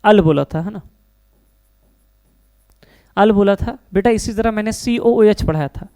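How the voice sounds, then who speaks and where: A man's voice: sits high, unhurried, warm tone, smooth. A male teacher giving an online chemistry lesson. He asks his own questions and answers them, and often calls the students his children.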